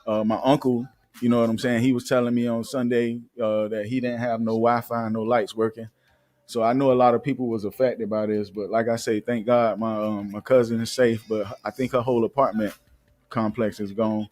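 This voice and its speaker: A man's voice: medium pitch, level tone, a little fast, a little mellow. A man hosting a live show, chatting casually and reading news aloud with many fillers and restarts. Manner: loose, filler-heavy, restarts often. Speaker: show host. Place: Atlanta.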